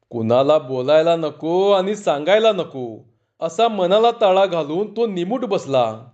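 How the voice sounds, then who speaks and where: A male storyteller narrates a comic tale with lively expression. His voice sits high for a man. The recording is slightly dull and muffled.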